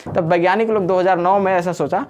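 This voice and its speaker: A man's voice: high voice, fairly even intonation, quick pace, darkish tone, a little hiss or hum. A man with a Jharkhand Hindi accent teaching a class in a coaching classroom, chatty and joking, often quizzing his students. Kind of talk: classroom lecture.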